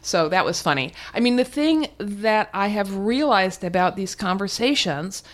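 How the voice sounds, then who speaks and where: A woman's voice: medium pitch, lively intonation, normal speed. An older woman speaking as a guest in an interview, frank and reflective, with restarts and occasional laughs. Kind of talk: candid conversational interview.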